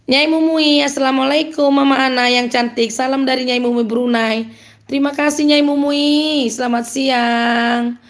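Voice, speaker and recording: A woman's voice: high voice, steady tone, normal speed. Upbeat woman with a Medan accent. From Medan, North Sumatra. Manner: upbeat and chatty, laughs often. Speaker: live streamer. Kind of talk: live-stream chat reading out viewer comments.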